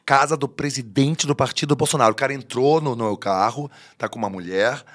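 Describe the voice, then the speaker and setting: A man's voice: mid-range voice, fairly quick. A man, a guest on a podcast, telling stories in casual chat and acting out the people he quotes. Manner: animated storyteller who acts out the people he quotes. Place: podcast studio.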